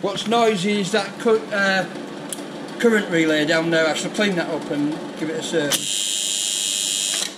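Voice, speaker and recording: Very noisy audio carries a fairly high, fairly evenly intoned male voice at a measured pace with frequent pauses. He's an older Yorkshire-accented vlogger from England, chattily explaining a garage repair step by step on a head-worn action camera in a casual workshop vlog.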